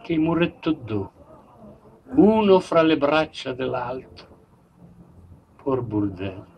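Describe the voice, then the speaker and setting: A man's voice: mid-range voice, expressive, slow, vocal fry, dull audio, slight background noise. A man with a Romagnol accent, a comic storyteller who retells a classic love story on a live stage and playfully mixes dialect with standard speech. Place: outdoor village festival stage.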